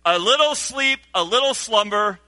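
A pastor who grew up in Senegal preaching a sermon, animated and engaging the congregation with call-and-response. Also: male voice, high voice, moderate pace, no room sound.

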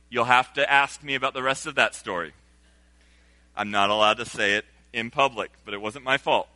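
A man preaching to his congregation with a high, lively delivery and a very bright, sharp tone. He grew up in Senegal and draws the listeners in with call-and-response. The sound is dry and close. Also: dry recording. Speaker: pastor. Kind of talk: sermon.

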